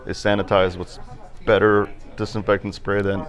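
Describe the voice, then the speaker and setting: Recorded in his barbershop, the thirty-something owner answers interview questions in a laid-back, talkative way, dropping in plenty of fillers. He speaks at normal speed with a lowish male voice.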